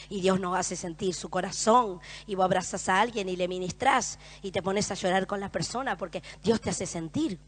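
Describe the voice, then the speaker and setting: A middle-aged woman with an Argentine accent preaching a sermon in church, moving between loud, emphatic exhortation and hushed storytelling. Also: lowish voice. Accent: Argentine Spanish.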